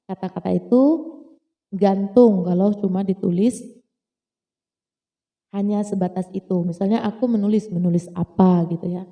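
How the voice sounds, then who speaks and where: A woman's voice: medium pitch, fairly even intonation, normal speed, long pauses, big-room sound, lo-fi sound. A woman teaching grammar in a casual, patient way, repeating points and checking that listeners follow. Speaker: English teacher. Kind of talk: casual lesson explaining grammar.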